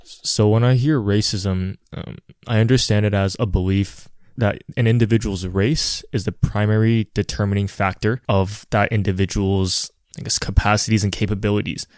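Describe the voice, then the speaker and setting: A man explains a set of terms in a careful, methodical way. His voice is low, smooth and resonant, with an even delivery. The sound is dry and close. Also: no room sound. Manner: measured, defining terms. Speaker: panel participant. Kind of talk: explanatory discussion.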